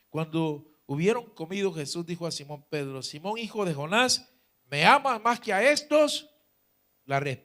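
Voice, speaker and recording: A male pastor, preaching a dramatic sermon that swings from loud exclamations to hushed asides. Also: on the high side.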